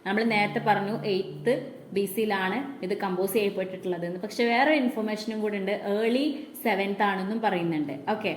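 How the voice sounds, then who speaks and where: A woman teaching a literature class, reading English lines slowly and then explaining them in her own words, with frequent "okay" fillers. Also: mid-range voice, echoey room, slight background noise. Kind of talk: classroom lecture.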